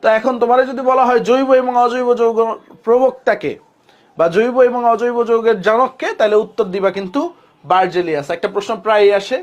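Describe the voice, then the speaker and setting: High-voiced chemistry teacher lecturing. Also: male voice, fairly quick, highs cut off. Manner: repetitive, asks students questions and answers them; colloquial Bangladeshi speech. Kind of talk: classroom lecture.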